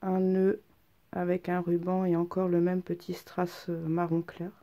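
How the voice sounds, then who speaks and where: A woman on the low side of the pitch range speaks with a completely flat delivery, a measured pace and a dark tone. She's a craft vlogger, stuffed up with a head cold, doing a casual show-and-tell of handmade cards in a chatty, hesitant way packed with ums.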